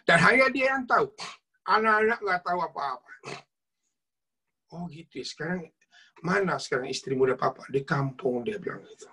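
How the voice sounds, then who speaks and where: Male preacher, husky voice, storytelling sermon, talks straight to the congregation. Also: fairly high pitch, brisk. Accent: Indonesian. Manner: lively storytelling, addresses listeners as "saudara". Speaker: lay preacher.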